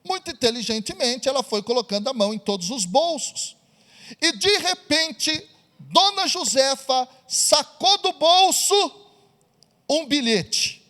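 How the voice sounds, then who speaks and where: A man's voice: very high voice, animated, measured pace, bright, forceful tone, in a large hall. A man preaching a sermon, telling a story and putting questions to the audience. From Brazil.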